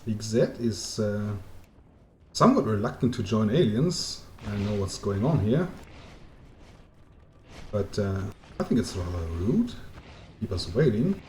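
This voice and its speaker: A man with a German accent commentating a live strategy game as caster, chatty and joking, lifting into excitement on the action. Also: fairly low pitch, unhurried, pauses often, echoey room, slight background noise. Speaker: esports caster.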